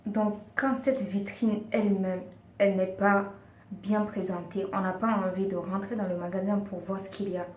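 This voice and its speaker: Here a beauty and lifestyle vlogger speaks at normal speed in a level, mid-range, slightly mellow voice. In her casual vlog she gives earnest, coaxing tips, often calling viewers girls, and since it's her second language she sometimes searches for words. The recording has roomy echo, faint background hiss and a distant mic.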